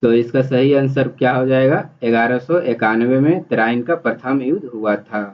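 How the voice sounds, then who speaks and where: Reading multiple-choice questions aloud, a man explains each answer in a repetitive, instructional exam-prep style. His voice sits in the mid range and moves at a moderate pace, captured on dull, muffled lo-fi audio.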